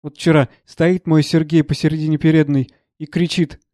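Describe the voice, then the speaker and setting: A man reading the part of a troubled, gentle elderly professor who speaks earnestly and with agitation. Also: fairly high pitch, level tone, moderate pace, no echo, studio quality, natural voice.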